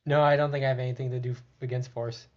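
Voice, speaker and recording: A man's voice: medium pitch, little pitch movement, very fast, muffled recording. A man playing a tabletop role-playing game, talking casually through his moves. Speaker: player in a tabletop RPG.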